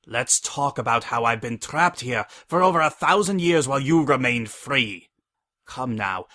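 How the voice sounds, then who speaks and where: A man's voice: medium pitch, bright, forceful tone, husky, dry recording, studio quality, heavily acted. A man voicing an ancient imprisoned monster, bitter and vengeful, in a hammy, theatrical dramatic story reading. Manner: hammy, theatrical stage-actor delivery.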